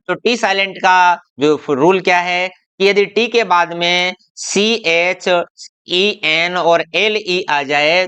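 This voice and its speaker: A man with an Indian accent teaching a classroom-style lesson, slowly drilling example words one at a time. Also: sits high, bright, forceful tone, smooth. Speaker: English teacher.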